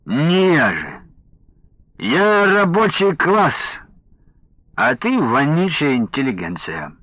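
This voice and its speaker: A man's voice: fairly high pitch, wildly swooping pitch, slow pace, dry recording, voice pushed up, heavily acted. A man voicing a drunken male thug who slurs, jeers and then whimpers, in a dull lo-fi recording. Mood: jeering. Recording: dull lo-fi audio.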